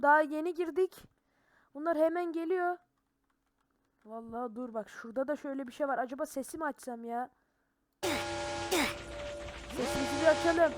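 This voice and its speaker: A woman giving excitable, slangy let's-play commentary on a horror game, yelling and cursing when startled. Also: high-pitched, slight background noise. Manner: slangy banter with viewers. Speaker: gaming channel host.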